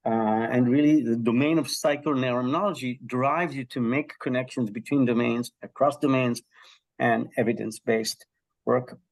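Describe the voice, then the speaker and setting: Gravelly-voiced male professor. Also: medium pitch, moderate pace. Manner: lively storyteller with frequent ums and throat-clearing. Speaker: guest, professor of health psychology. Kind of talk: explaining research in an interview.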